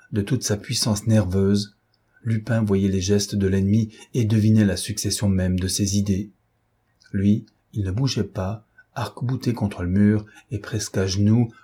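A male narrator reads a novel aloud in a measured, dramatic delivery. His voice is low and dark, with a husky grain to it. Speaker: audiobook narrator. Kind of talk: scripted audiobook narration.

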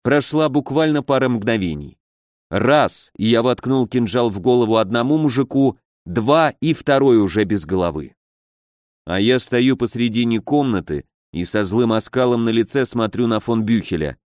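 A man reading a first-person fantasy story aloud with steady, measured storytelling. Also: mid-range voice, dry recording, studio quality. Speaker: audiobook narrator.

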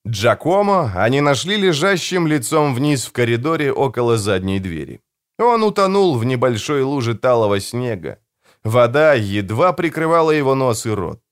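A man reading a dark fantasy novel aloud as an audiobook narrator, in measured storytelling. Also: medium pitch, sing-song. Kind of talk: dramatic scripted narration.

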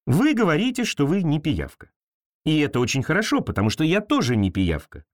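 A man's voice: wildly swooping pitch, brisk, no room sound, clean studio sound. A man voicing a kind, cheerful little girl in a fairy tale, talking in a friendly way. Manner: bright, high, friendly.

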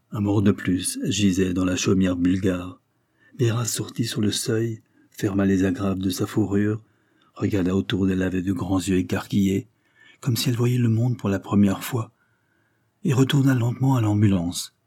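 Husky low-voiced male narrator. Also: warm tone, no room sound, studio quality. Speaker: audiobook reader. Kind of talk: scripted narration.

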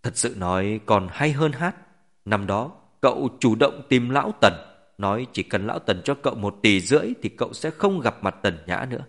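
Man doing a middle-aged mother, scornful, mocking, accusing, sharp-tongued, audiobook. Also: medium pitch, sing-song, normal speed.

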